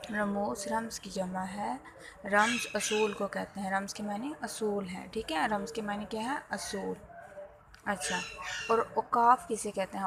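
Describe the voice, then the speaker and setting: A woman's voice: medium pitch, noisy background. A woman teacher explaining a lesson to her students, patient, repeating key terms and checking that they follow.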